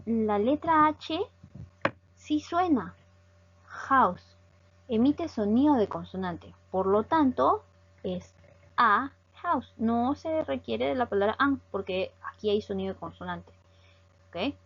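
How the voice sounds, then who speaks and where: A woman from Peru teaching an online English lesson, speaking slowly with a husky voice. She explains each rule patiently and keeps checking that her students follow. The recording sounds dull and lo-fi. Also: on the high side, fairly bright tone. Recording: dull lo-fi audio.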